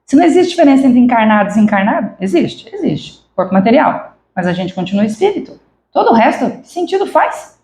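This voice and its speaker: A woman's voice: a little high, sing-song, fast, a little mellow. A woman giving a spiritist lecture to a congregation, chatting with the audience and asking them questions. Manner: conversational, asks the audience questions. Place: spiritist center lecture hall. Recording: echoey hall.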